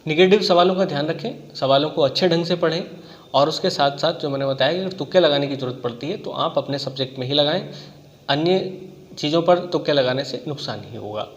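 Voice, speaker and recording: A man with a fairly high voice coaches students on exam strategy. He talks in a conversational way, pausing to check that they follow and working through examples. The recording is muffled, with a long reverb behind him.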